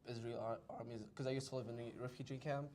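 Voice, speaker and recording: A man's voice: mid-range voice, level tone, fast, a little mellow, slight background noise. A young man from Palestine, a college student, answering interview questions casually with lots of "like". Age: young adult. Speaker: guest.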